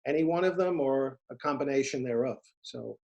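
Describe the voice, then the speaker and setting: A middle-aged man from the United States, telling stories as an interview guest in an earnest, halting way with many restarts. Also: medium pitch, vocal fry, a little mellow, dull audio. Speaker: interview guest, former FBI agent turned private investigator. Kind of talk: casual interview, storytelling.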